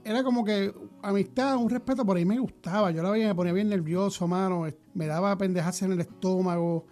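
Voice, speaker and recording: A man's voice: high voice, fast, a little mellow, soft background music. A man, co-hosting a podcast and chatting casually, hesitant, with many fillers and repeated words. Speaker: podcast co-host. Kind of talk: casual chat.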